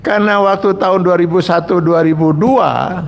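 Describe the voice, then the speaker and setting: A man speaks as a cleric at a religious lecture, his voice gravelly and pitched a little high. He tells personal stories in an earnest way and keeps turning to his listeners. A faint hiss sits under the recording. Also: steady tone, normal speed. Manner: earnest storytelling that addresses the audience directly. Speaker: Islamic cleric.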